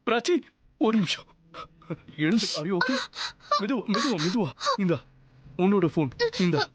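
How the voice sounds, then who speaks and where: An actor voicing a caring, protective father figure who speaks gently and mixes English phrases into a dubbed TV serial. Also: high voice, expressive, moderate pace, very noisy. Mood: worried. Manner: gentle, coaxing, mixing English phrases into Tamil. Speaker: dubbing actor. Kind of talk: Tamil TV serial dub. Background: serial background music.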